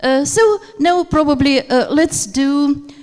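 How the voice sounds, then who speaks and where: Slow and dark-toned, her high voice fills a seminar room during a teacher workshop lecture. She is a teacher trainer who grew up speaking Russian, and she falters often, leaning on fillers. Hall reverb is present in the handheld-microphone recording.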